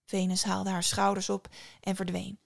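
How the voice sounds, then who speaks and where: A woman's voice: mid-range voice, completely flat delivery, normal speed, vocal fry. A woman reading a myth aloud as storyteller, in scripted narration with wry asides.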